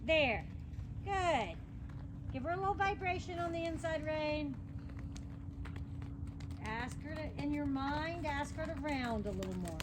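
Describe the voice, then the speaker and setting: High-voiced woman calling brisk riding commands. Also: expressive. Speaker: horse riding instructor. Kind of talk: live coaching, short riding commands with praise. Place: outdoors at a riding lesson. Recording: clear outdoor ambient noise.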